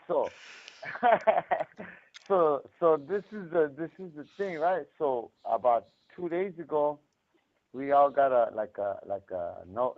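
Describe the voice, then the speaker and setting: A man calling in from a prison payphone, chatting casually with laid-back slang and swearing. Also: medium pitch. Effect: prison payphone line. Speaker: incarcerated caller. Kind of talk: casual chat. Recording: tinny phone line.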